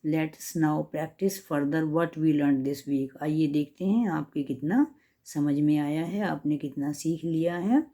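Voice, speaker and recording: A woman language teacher explaining a grammar lesson slowly and carefully, switching between English and Hindi. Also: low voice, warm tone.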